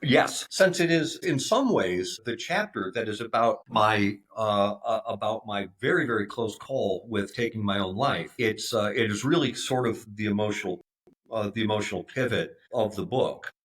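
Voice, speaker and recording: A man in his fifties, a podcast guest telling his story in a halting way, with many restarts and repeated words. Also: lowish voice, animated, a bit bright. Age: 50s. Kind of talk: casual interview.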